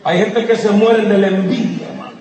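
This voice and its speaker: A man, a pastor, preaching a fiery sermon to his congregation, calling out questions to the crowd and rising to shouts. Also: sits high, fairly even intonation, brisk. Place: church service with congregation. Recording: echoey hall, distant mic, crowd noise.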